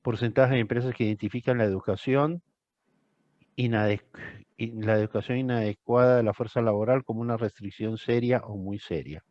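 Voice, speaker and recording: A man's voice: medium pitch, steady tone, normal speed, a little mellow, no room sound, highs cut off. An older man tutoring a student one on one, emphatic and repeating phrases for stress. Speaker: thesis tutor.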